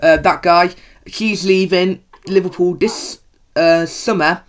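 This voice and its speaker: Rambling podcast co-host. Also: male voice, high voice, steady tone, slow. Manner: rambling, many fillers and restarts. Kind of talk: casual football chat.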